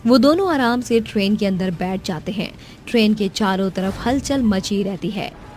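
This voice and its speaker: A woman narrating a cartoon story in a slow, measured storybook style. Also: medium pitch, lively intonation, a little mellow, soft background music.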